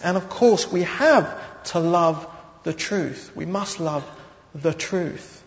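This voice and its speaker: A man preaching a sermon to his congregation in a church hall, speaking in a slow, measured way with pauses. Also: fairly high pitch, creaky. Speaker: pastor. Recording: dull audio with long hall reverb.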